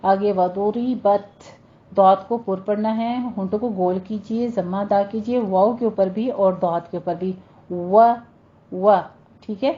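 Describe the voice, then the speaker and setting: A woman teaching Quran recitation, saying each word slowly and patiently and correcting common mistakes. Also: medium pitch, dull audio. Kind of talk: recitation lesson, modelling sounds slowly.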